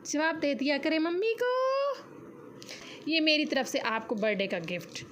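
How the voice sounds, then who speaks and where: A woman's voice: sits high, lively intonation, brisk, a bit bright. A woman from Pakistan with a Pakistani Urdu accent, a tired mother chatting and teasing in a casual family vlog at home. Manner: chatty and teasing, talks straight to her viewers. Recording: echoey room with faint noise.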